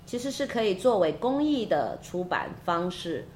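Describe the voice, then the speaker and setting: A woman hosting a podcast interview, talking in a halting way and repeating words while she looks for them. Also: mid-range voice, sing-song, a little mellow, slight background noise. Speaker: podcast host. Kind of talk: casual interview chat.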